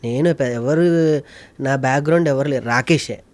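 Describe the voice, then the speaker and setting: A man's voice: mid-range voice, moderate pace. A man being interviewed, talking earnestly and emphatically, often repeating phrases for effect. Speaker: guest, mimicry artist and ventriloquist. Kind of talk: casual interview talk.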